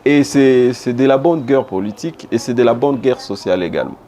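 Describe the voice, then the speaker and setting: With a brisk, mellow, mid-range voice, a politician from DR Congo, formerly a humanitarian worker, answers questions in a broadcast interview. He has a Congolese accent and speaks emphatically, echoing phrases for rhetorical impact. Background noise and room ambience can be heard.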